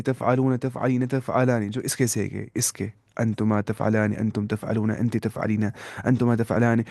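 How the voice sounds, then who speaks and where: A man's voice: mid-range voice, a little mellow, no room sound, clean studio sound. Patient man drilling grammar forms. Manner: patient, asks rhetorical questions and answers them; repeats word forms aloud in drills. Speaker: Arabic grammar teacher. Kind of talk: explaining grammar rules step by step.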